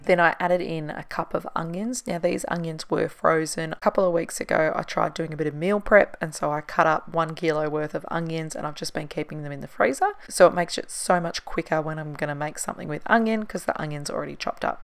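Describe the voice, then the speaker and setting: A woman in her thirties, a cooking vlogger, talks casually in a voice-over about her dish, chuckling at herself over the shortcuts she used. Her low, creaky voice has fairly even intonation, runs a little fast, and barely pauses.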